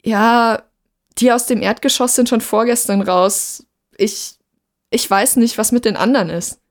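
A woman's voice: mid-range voice, moderate pace, a little mellow, lightly acted. A woman reading aloud and voicing a young female student who urges her friends to be careful, in a raised, pressing tone. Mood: urgent.

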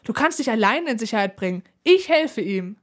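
A woman's voice: a little high, lively intonation, normal speed. Woman reading a defiant brave young princess. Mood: determined. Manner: defiant, determined.

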